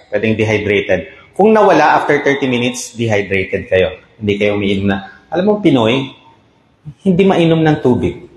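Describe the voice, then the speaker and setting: A man with a Filipino accent, a doctor giving a health talk and checking in with his listeners. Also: mid-range voice. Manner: explains with repeated "okay?" checks. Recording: echoey room.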